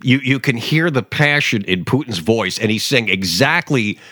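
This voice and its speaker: A man's voice: medium pitch, expressive, moderate pace, sharp tone, no echo, studio quality. A man hosting his own talk podcast, rambling and sarcastic, with many fillers and restarts. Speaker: podcast host. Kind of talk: opinionated talk podcast monologue.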